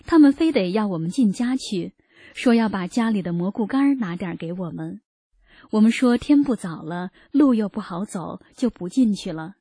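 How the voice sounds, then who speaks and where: Woman reading her own story, soft breathy voice, earnest and steady, dry close sound. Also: mid-range voice, normal speed, no echo. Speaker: narrator of a personal testimony. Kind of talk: read first-person narration.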